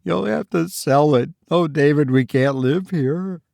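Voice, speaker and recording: A frightened, tearful mother from a storybook, voiced by a man. Her voice sits high and pleads anxiously, always on the edge of weeping. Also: a little slow, vocal fry, darkish tone, no echo, clean studio sound. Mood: tearful, reproachful.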